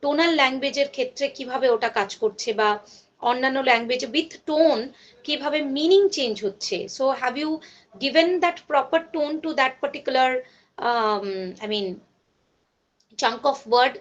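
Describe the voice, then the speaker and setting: A woman's voice: high voice, slow, dull audio. A woman college lecturer with a Bengali accent, teaching a class in a mix of Bengali and English, with many fillers and self-corrections.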